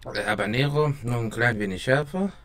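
A young man of average pitch talks casually into a close desk microphone. His mouth is burning and watering from spicy food, so his speech comes out halting. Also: fairly bright tone. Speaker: vlogger doing a hot chili taste test. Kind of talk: casual talk to camera. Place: small dim room at home. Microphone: close desk microphone with pop filter.

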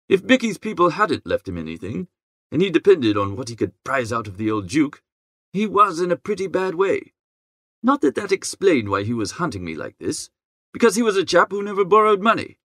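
In this scripted first-person audiobook, a man voices a carefree young gentleman of leisure recounting his story. He speaks in a fairly high, very animated voice full of jaunty period slang, recorded close and dry with no room sound.

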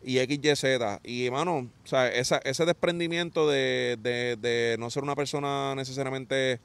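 A man's voice: medium pitch, normal speed, gravelly, clean tone, dry recording. A young man in casual chat as a podcast guest, telling stories with lots of street slang and acting out what people said. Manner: animated storytelling, acting out quotes, street slang.

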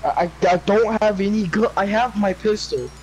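A young man with a high voice chats while playing an online role-play game. He is excitable and urgent, and swears often. Faint noise sits on the audio. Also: moderate pace. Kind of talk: casual gaming chat.

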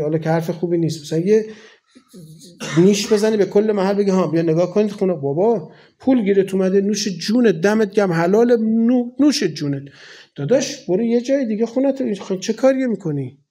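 High-voiced Iranian cleric preaching casually. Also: male voice, warm tone. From Iran. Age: 40s. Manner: colloquial, conversational preaching with rhetorical questions. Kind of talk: sermon.

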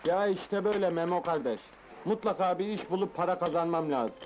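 A man's voice: high-pitched, a little fast, darkish tone, a little hiss or hum, lightly acted. An actor playing a naive young man from the provinces looking for work, folksy and given to wailing sighs, in a 1970s film. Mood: grumbling.

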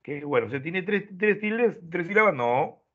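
A man teaching an online class, explaining step by step and ending his points with quick checks to his students. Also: high-pitched, animated, fairly bright tone. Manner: explains step by step, tags lines with "¿no?". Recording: tinny phone-like online audio.

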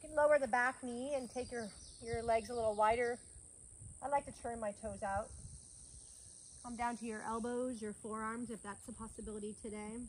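A yoga teacher in her thirties leads a class outdoors on a grassy farm field under trees, offering calm, encouraging cues between breaths. Her voice is fairly high-pitched and moderately paced, with faint crickets and country sounds in the background.

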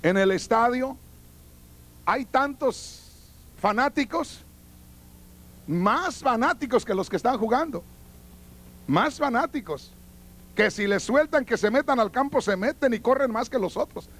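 A man's voice: extremely high pitch, lively intonation, a little slow, pauses often, a bit bright. A man, a pastor, giving an earnest teaching sermon and addressing the congregation directly. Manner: acts out quoted voices in his teaching.

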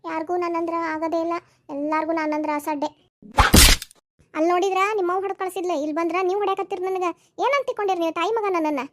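A scheming, quarrelsome young daughter-in-law from a cartoon story, voiced by a woman. She nags and makes demands in a shrill, very high voice. She talks at a quick, pushy pace. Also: fairly even intonation, heavy background noise. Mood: accusing.

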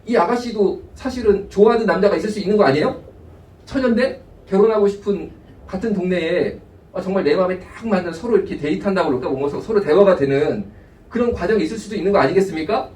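Male pastor, sermon, high voice, animated, echoey church, mic at a distance. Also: fast talker. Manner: animated preaching, voices God and people in asides. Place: church sanctuary.

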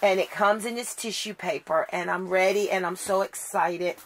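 A woman's voice: mid-range voice, steady tone, normal speed, slight background noise. A middle-aged woman unboxing a doll outfit in casual chat, tired, gushing and repeating words for emphasis. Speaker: doll collector vlogger.

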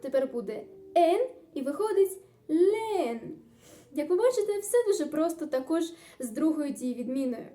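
A woman's voice: high voice, dark tone. A woman tutor teaching a grammar lesson, explaining step by step in an upbeat, encouraging way. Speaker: Spanish tutor.

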